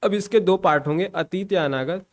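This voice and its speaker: A man's voice: sits high, a little fast. A young man giving a music exam-prep lecture, explaining step by step and often checking in and repeating points. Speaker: music teacher.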